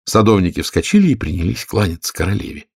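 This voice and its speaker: A man's voice: low-pitched, fast talker, gravelly, breathy edge, dry recording, studio quality. A man reading a fairy tale as an audiobook narrator, telling it expressively. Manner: expressive, lively storytelling. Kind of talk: scripted storybook narration.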